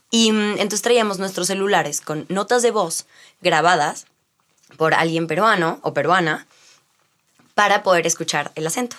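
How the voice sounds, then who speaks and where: A woman, an actress talking casually in an interview, animated and quick to laugh. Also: fairly low pitch. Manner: animated, laughs often, slips into playful accents.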